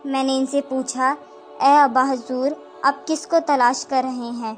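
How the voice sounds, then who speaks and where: A woman reading the lines of a dying young mother who speaks gently and tearfully. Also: high-pitched, steady tone, faint music behind, lightly acted. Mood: tender, tearful.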